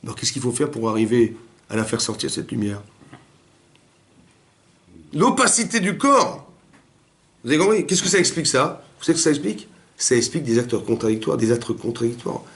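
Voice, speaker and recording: A man, a rabbi, giving a Torah class in a family home, animated and asking his listeners rhetorical questions. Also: mid-range voice, brisk, long pauses.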